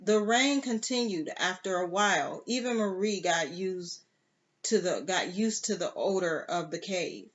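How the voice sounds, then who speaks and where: Slow halting read-aloud, fillers and side comments, dull lo-fi mic. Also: mid-range voice, fairly bright tone. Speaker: storybook reader. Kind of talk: reading a novel aloud with asides.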